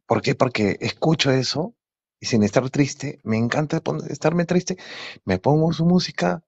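A man's voice: a little high, measured pace, gravelly, a little mellow, slightly rough, dry recording. A man calling into a livestream, talking in a reflective, rambling way. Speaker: livestream caller. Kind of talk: casual chat. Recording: dull dry call audio.

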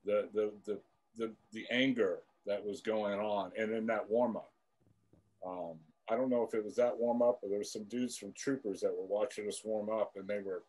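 A man's voice: on the low side, steady tone, normal speed, a little mellow, rough recording. A man in his fifties, a former drum line member, candidly recalling events in a rambling, repetitive way. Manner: rambling, repeats words, candid. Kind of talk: casual reminiscing chat.

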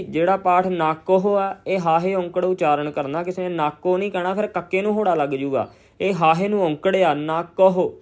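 A man recites scripture verse by verse in a high, smooth, resonant voice, keeping a slow, steady, flat chant. Between verses he stops to explain the correct pronunciation as a teacher. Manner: chants verses slowly and evenly, then explains pronunciation briskly.

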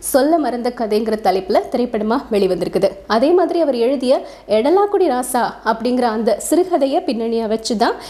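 Mellow-voiced woman telling a story. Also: on the high side. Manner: explanatory, conversational storytelling. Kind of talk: narrating a short story with introduction.

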